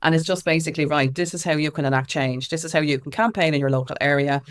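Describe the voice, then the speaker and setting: Speaking fast in a voice that sits low, this Irish activist and music consultant is a guest in an interview. Her answers come across as frank, casual and emphatic, voiced from an activist's standpoint.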